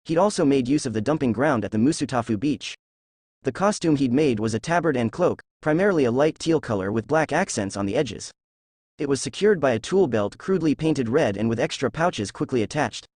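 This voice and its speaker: A man reading a fan fiction story aloud in a steady storytelling voice. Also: mid-range voice, brisk, dry recording, studio quality. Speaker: narrator.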